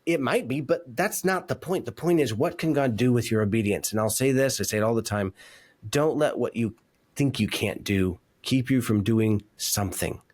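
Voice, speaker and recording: A man of ordinary pitch co-hosting a faith podcast, talking earnestly with a preachy push. He often doubles his words as he builds a point. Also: normal speed, darkish tone. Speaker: podcast co-host. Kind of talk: casual faith talk.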